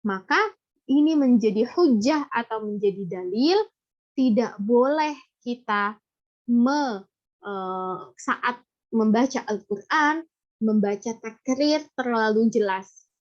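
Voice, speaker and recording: Higher-voiced Indonesian woman teacher, soft-rolled r. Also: expressive, slow. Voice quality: slight speech impediment on the rolled r. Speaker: Quran recitation teacher. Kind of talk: explanatory tajweed lesson. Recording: dull, lo-fi audio.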